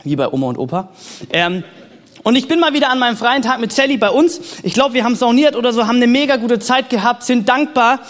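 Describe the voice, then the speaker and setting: A male pastor preaching a sermon in a lively, conversational way, often checking in with the congregation. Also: extremely high pitch, quick pace. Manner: lively, conversational, keeps asking "ja?" and "okay?". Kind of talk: sermon with personal storytelling.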